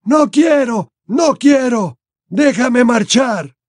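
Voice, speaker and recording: A male audiobook reader voicing an elderly wizard headmaster with slow, high, drawn-out pleas. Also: big pitch swings, warm tone, slightly rough, no echo, clean studio sound, heavily acted. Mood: terrified, begging. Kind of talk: audiobook character voice.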